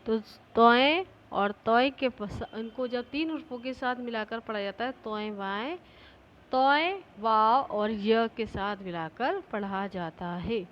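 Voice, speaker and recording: A woman's voice: a little high, takes it slowly, dull audio. A woman school teacher giving a patient classroom lesson, asking questions and answering them herself. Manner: patient, repeats each point, asks and answers itself.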